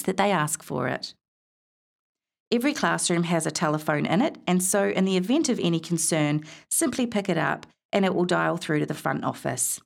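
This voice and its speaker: A woman reading a scripted informational audio guide in a smooth, measured, instructional way. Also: lowish voice.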